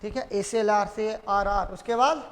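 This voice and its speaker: A man with a high, steady, slightly bright voice lectures his class at a measured pace. He quizzes the students again and again, prompting them to echo key terms, and the classroom adds a long reverb.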